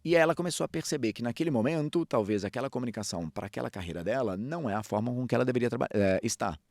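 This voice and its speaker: A man who speaks and coaches public speaking, talking in a storytelling way, with lively jumps in pitch and pace. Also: very fast, dry recording, studio quality. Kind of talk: podcast talk on public speaking.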